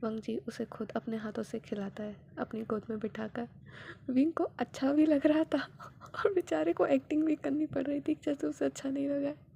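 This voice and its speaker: A woman reading a fanfiction story aloud, voicing the characters herself, sliding from hushed whispers to loud, emotional outbursts. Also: sits high, moderate pace, creaky, a little hiss or hum. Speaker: fanfiction narrator. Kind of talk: dramatic story reading with voiced dialogue.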